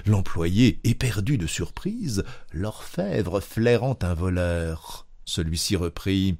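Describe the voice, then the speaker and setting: A man narrating a classic story aloud in a measured, expressive reading. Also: sits low, vocal fry. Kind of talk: literary reading.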